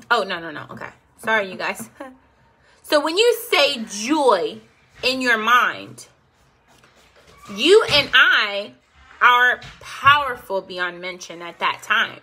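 A woman's voice: on the high side, big pitch swings, slow pace, pauses often, pushed and bright, slightly rough. A woman hosting a self-help video, coaxing viewers through a call-and-response affirmation exercise with encouraging murmurs.

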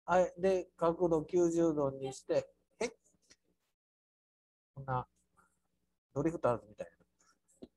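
A man with a Kansai accent teaching an architecture class through a software task, playful, with sound words and mock squeals. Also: fairly high pitch, unhurried, long pauses, no room sound. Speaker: architecture instructor.

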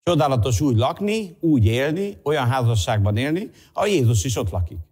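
A male pastor preaching a sermon, swinging between loud urging and soft, hushed asides. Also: medium pitch, big pitch swings, husky. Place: church hall.

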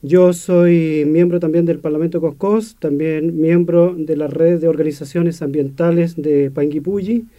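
A man, a community representative, explaining his organization in halting phrases with self-corrections. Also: on the high side, fairly even intonation, dark tone. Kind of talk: radio interview answer. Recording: dull lo-fi sound.

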